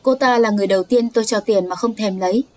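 A woman voicing a wealthy, generous man in a suit who speaks calmly and with assurance. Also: mid-range voice, quick pace, lightly acted. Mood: assured.

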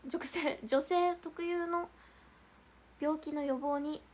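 A woman's voice: high voice, fairly even intonation, takes it slowly. A young woman hosting a casual idol livestream, chatting and reading out viewer comments with frequent giggles.

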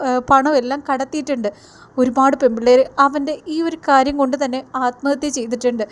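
Woman doing a young man, heartbroken, tearful, pleading, high voice. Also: lightly acted. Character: heartbroken young man confessing to his father.

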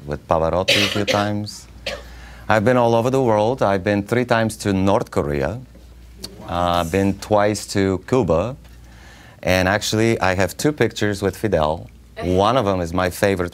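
Deep-voiced Bulgarian-accented man telling stories. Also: moderate pace, a little hiss or hum. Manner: animated and joking, laughs often. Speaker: guest actor. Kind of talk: interview storytelling. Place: small studio with dark curtain. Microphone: lapel mic.

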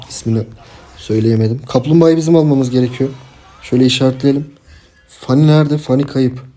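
A man's voice: mid-range voice, dark tone. A young man giving casual, chatty commentary while playing a game, sometimes breaking into frustrated outbursts and talking to his teammates. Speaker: gameplay streamer. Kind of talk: casual live gameplay commentary.

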